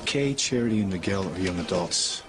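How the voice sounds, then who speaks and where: Fair-minded soap father, middle-aged, reproving and earnest, slightly deep, over clear music. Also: expressive, a little fast. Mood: firm, reasoning. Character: firm, fair-minded father of grown daughter. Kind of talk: television soap opera drama acting.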